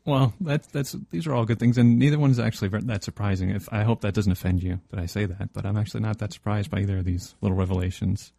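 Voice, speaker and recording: A man's voice: fairly low pitch, steady tone, fast talker, vocal fry, hardly any pauses, dark tone, no room sound. A man hosting a podcast interview, friendly, rambling and self-conscious. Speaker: podcast host. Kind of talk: casual interview chat.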